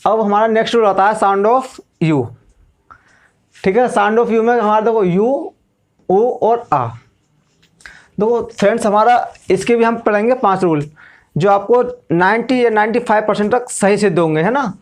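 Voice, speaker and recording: A man's voice: high-pitched, unhurried. A male English teacher, giving a classroom lesson and explaining step by step, asking questions and then answering them himself.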